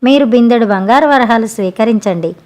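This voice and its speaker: A woman reading the part of a proud, foolish king in a storybook tale, in her own slightly high voice. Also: a little fast, a little mellow, natural voice. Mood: indignant. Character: proud, foolish male king, easily flustered.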